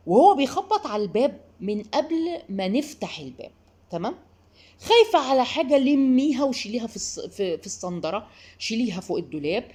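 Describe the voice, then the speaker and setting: A woman with an Egyptian accent giving parenting advice, talking straight to the listener and acting out quotes. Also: medium pitch. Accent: Egyptian Arabic. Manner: animated, addresses the listener directly, acts out quotes. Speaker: parenting advisor. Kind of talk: advice talk to mothers.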